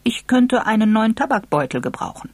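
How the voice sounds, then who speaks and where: A reader voicing Mister Points, an elderly, sly and teasing gentleman, in a dry, good-humoured manner. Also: mid-range voice, sing-song, brisk, no room sound, voice pushed up.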